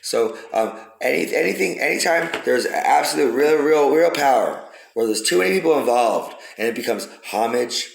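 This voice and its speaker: A man's voice: mid-range voice, lively intonation, normal speed, creaky, hardly any pauses. A man giving a rambling, profane philosophical monologue, repeating himself for emphasis. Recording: roomy echo.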